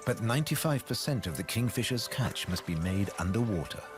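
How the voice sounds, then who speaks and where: A man narrates a nature documentary in a low voice. His delivery is scripted and measured, shaped by dramatic pauses and a lively, wide-moving intonation. Music plays clearly behind him. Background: background music.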